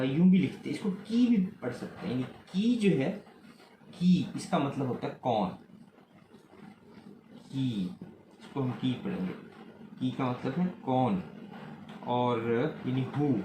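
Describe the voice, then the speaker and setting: A man with a Pakistani Urdu accent teaching a recorded lesson to children, patiently repeating each word slowly and asking questions back. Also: a little high, dark tone. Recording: echoey room, faint ambient noise.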